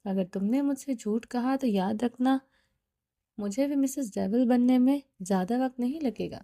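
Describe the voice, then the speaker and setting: A stern, demanding young wife, as a woman narrator reads her presses question after question in a storybook reading. Her voice sits high but mellow, with dry, close sound. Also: no echo, natural voice. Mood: insistent.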